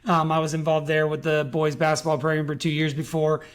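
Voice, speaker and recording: A man in his late thirties from Georgia, a high school coach telling his story in a podcast interview, earnest with many fillers and restarts. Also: completely flat delivery, brisk, clean tone.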